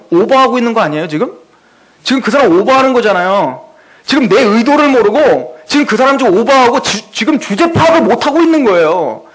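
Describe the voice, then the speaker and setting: A man with a very high voice preaches a sermon. His pitch swings widely as he tells everyday stories and acts out the people in them. He keeps asking the congregation rhetorical questions. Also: poor audio. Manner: animated storytelling with rhetorical questions; acts out quoted speech. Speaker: pastor. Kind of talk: expository sermon.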